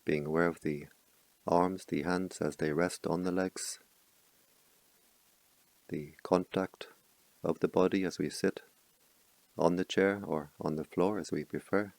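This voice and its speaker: Speaking softly and slowly, a meditation teacher with a deep, gravelly, fry-filled voice gives short, calm instructions separated by long pauses. The audio is close and dry with almost no room sound or echo, and the overall quality is poor.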